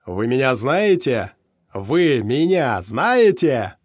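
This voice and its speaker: A man voicing a furious scarred male mercenary, shouting defiantly at a crowd in an audiobook. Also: medium pitch, a little fast, no room sound, studio quality, natural voice.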